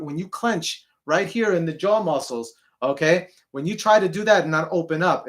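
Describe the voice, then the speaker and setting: During a singing lesson, a man whose speaking voice is deep keeps finishing his phrases with "okay?" and models short notes by singing them.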